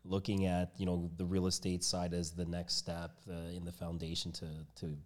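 A man's voice: low voice, monotone, normal speed. A man hosting a casual podcast, chiming in with short agreements and asking his guest follow-up questions. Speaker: podcast host.

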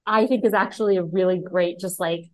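A woman's voice: on the low side, fairly even intonation, brisk, no echo. A young woman co-hosting a podcast in casual chat, rambling and filling her talk with "like". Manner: rambling, full of "like" fillers. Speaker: podcast co-host.

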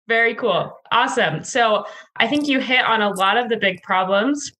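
Casting: woman podcast host, bright and tense voice, upbeat and enthusiastic. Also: on the high side, a little slow, low-quality recording. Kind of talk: casual podcast interview.

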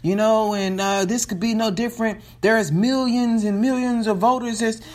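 A man's voice: steady tone, normal speed, close to an everyday voice. A man mimicking an eager tech spokeswoman. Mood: persuasive. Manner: pitched-up mock voice for a woman, pushy sales pitch. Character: female tech company spokeswoman, eager and persuasive. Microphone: phone held in hand.

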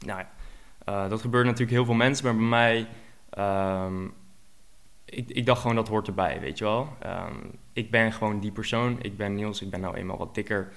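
A man's voice: on the low side, steady tone, moderate pace, a bit bright. A man in his twenties, a guest coach, tells his personal story frankly and openly.

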